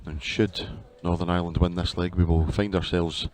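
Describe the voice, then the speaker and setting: Darts commentator, male, low pitch, wry and chatty live play-by-play on a headset. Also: steady tone, normal speed, darkish tone. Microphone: headset at commentary position.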